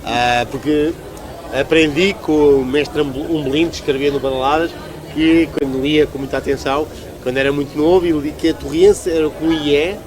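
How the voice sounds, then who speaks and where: Against background noise, a man with a European Portuguese accent, a local politician, gives a conversational interview in a slightly high, steady voice at a fairly quick pace. He makes his case emphatically and repeats phrases to stress them.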